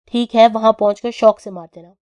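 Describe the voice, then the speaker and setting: A cruel young crime boss, clipped and commanding, who teases as often as he threatens, put on by a woman reading an audio novel. The voice sits somewhat high, with a warm, mellow tone. The storybook reading is dry and close. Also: steady tone, no echo, muffled recording, close to an everyday voice. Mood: teasing. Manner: stern, clipped, louder than the narration. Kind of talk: audio novel character voicing.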